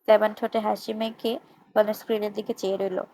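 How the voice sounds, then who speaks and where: A woman narrating a romantic novel chapter in a steady, expressive storytelling voice. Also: medium pitch, quick pace, a little hiss or hum, poor audio. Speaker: story reader.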